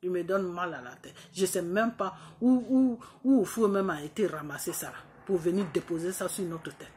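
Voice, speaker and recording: A woman's voice: on the low side, normal speed, darkish tone, a little hiss or hum. A woman from Côte d'Ivoire, delivering an indignant, mocking political rant to camera, full of repetitions. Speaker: political commentator.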